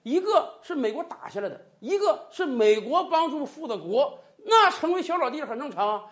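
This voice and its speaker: A political commentator giving opinionated, mocking commentary with sharp sarcasm and emphasis. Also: high voice, big pitch swings, normal speed.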